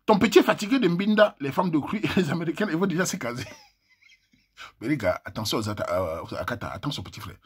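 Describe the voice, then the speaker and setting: A man's voice: a little high, very animated, fast talker, breathy edge. A man with a Cameroonian French accent, reading messages aloud and joking with his viewers as a vlogger. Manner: joking, chatty, talks to viewers as little brother.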